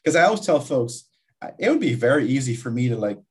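A man's voice: mid-range voice, sing-song, fast, a little mellow, husky. Reflective male college administrator. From Guyana. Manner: reflective, with frequent restarts and fillers. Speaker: community college vice president. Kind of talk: interview conversation.

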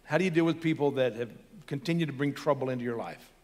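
A man's voice: medium pitch, quick pace, darkish tone, big-room sound. A man preaching a sermon as pastor, earnest and building to emphatic peaks.

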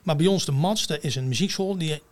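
A man's voice: a little high, fast talker. A man telling a story in casual conversation, blunt and swearing freely, acting out the other people's voices. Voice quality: rough singing voice. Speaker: guest, singer-songwriter.

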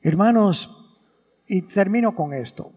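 A man's voice: sits high, expressive, measured pace, dark tone, breathy edge. A priest preaching a sermon at Mass, repeating his key phrases and putting questions to the congregation. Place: church during Mass. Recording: long reverb of a church hall.

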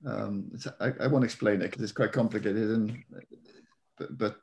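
A man's voice: fairly low pitch, fairly even intonation, normal speed, creaky, slight background noise. A Welsh man, an author being interviewed, chatting casually and hesitantly with a Welsh accent. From Wales. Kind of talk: casual chat.

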